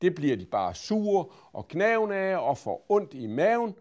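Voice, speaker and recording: A man voicing a cheeky, bossy young girl with a high, singsong, mock-serious way of talking. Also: sing-song, a little mellow. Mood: mock-lecturing.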